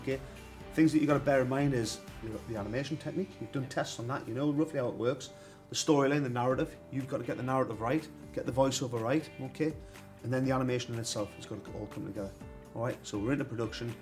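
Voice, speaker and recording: A creative director coaching a student team in a brisk, emphatic way that repeats the key points. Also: male voice, medium pitch, a little mellow, faint music behind. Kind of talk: coaching advice.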